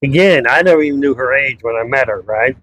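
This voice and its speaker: A man's voice: medium pitch, fast talker, a bit bright, slight background noise, rough recording. A man in his fifties telling personal stories in a rambling, casual vlog monologue from his townhouse. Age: 50s. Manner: rambling, conversational storytelling. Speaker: vlogger.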